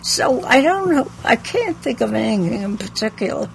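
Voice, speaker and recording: A woman's voice: fairly high pitch, sing-song, moderate pace, vocal fry, slight background noise, low-quality recording. An older woman who owns a bookshop, chatting in an interview and telling anecdotes with a laugh. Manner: chatty, anecdotal, laughs at her own stories. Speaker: bookshop owner. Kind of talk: casual interview storytelling.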